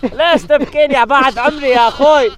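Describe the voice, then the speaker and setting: A man's voice: very high voice, quick pace, a bit bright. A man playing a hospitable herder who lives out in the desert, speaking in a comic sketch and earnestly repeating brotherly address. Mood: worried. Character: hospitable rural male herder living out in the desert.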